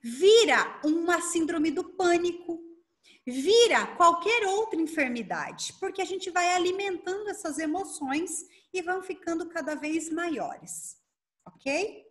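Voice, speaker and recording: A Brazilian woman coach giving a lively online workshop, talking fast and asking herself rhetorical questions over a video call. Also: very high voice. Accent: Brazilian Portuguese. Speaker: coach and speaker leading a workshop.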